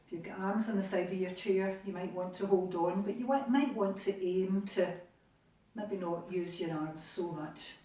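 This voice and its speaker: Mellow-voiced Scottish woman leading exercises. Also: medium pitch, normal speed. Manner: encouraging, chatty. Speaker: exercise instructor. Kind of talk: guided exercise class. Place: living room. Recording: echoey room, distant mic.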